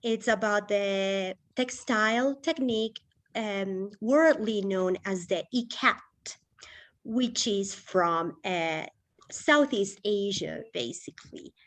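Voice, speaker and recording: A woman's voice: mid-range voice, slow. A woman from Ecuador, a guest writer, talking chattily with many fillers at an online panel.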